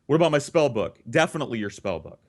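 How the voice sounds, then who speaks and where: He talks fast in a mid-range voice, a host and storyteller cursing freely as he comically and casually plays out both parties in the exchanges he recounts.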